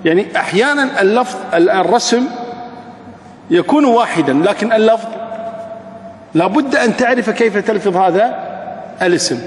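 A man's voice: sits high, animated. Man teaching in an echoey hall. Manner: recites verse slowly, then explains at an easy pace. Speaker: teacher of hadith sciences. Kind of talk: lecture explaining a classical didactic poem.

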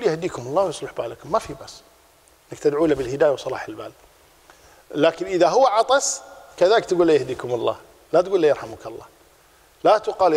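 A man teaching a religious class, explaining a text in a lively way and repeating his key points. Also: on the high side, slightly rough, long reverb tail.

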